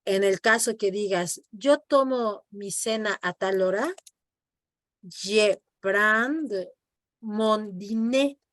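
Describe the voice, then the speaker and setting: In an online class, a woman patiently teaches French, using both Spanish and French to explain and saying words aloud for her student to repeat after her. She speaks slowly in a medium-pitched, slightly bright voice, and there's no room sound.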